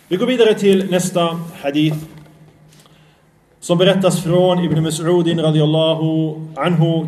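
A man with a slightly high voice teaches a religious lesson, explaining each point step by step. He poses rhetorical questions, checks that his listeners are following, and slips Arabic religious terms into his talk. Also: a little mellow, a little hiss or hum. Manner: asks the audience questions, checks they follow.

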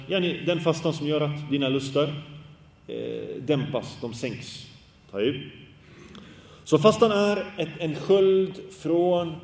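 A man's voice: a little high, darkish tone, recorded from a distance. A man giving an earnest Islamic sermon, exhorting his listeners with rhetorical questions and mixing Arabic religious phrases into his talk. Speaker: preacher. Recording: echoey hall reverb.

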